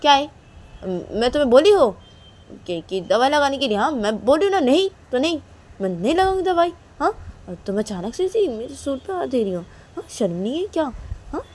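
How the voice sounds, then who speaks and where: A woman's voice: sits high, sing-song, a little fast, darkish tone, pitched above the performer's own voice. A woman voicing a stubborn, angry young woman who snaps back with scolding retorts. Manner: scolding, snapping retorts of "haan?".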